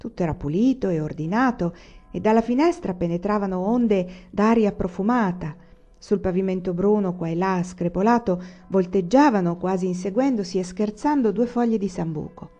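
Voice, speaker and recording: Audiobook reader: woman, low mellow voice, measured expressive reading, muffled recording. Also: soft background music. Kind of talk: literary audiobook narration.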